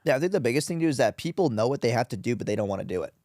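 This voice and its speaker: A man's voice: medium pitch, animated, rapid-fire, a little mellow, dry recording, clean studio sound. A man who is a guest on a podcast, talking bluntly and casually, swearing and calling his host dude and bro. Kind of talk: casual interview chat. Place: podcast studio in Las Vegas.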